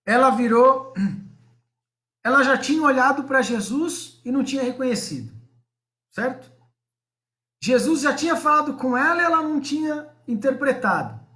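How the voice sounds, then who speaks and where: Male pastor, high voice, live-streamed sermon, talks straight to the viewers. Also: lively intonation, normal speed, pauses often, pushed and bright. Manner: preaching, addresses viewers and congregation directly.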